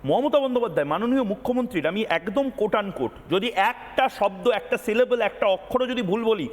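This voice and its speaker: A man's voice: sits high, lively intonation, fairly quick, long reverb tail. A man anchoring a heated television news debate, sarcastic and combative, often talking over his guest.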